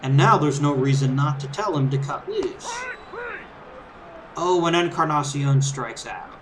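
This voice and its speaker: A man's voice: on the high side, big pitch swings, a little slow, background noise. A man giving casual, conversational, easygoing commentary as he hosts a let's play of a game. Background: video game crowd ambience and background music.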